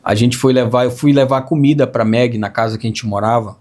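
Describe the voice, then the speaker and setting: A man with a lasting hoarse, raspy voice, earnestly telling an emotional faith testimony and repeating phrases as he recalls it. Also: mid-range voice, steady tone, fairly quick, darkish tone. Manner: earnest, storytelling with repetitions. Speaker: testimony speaker.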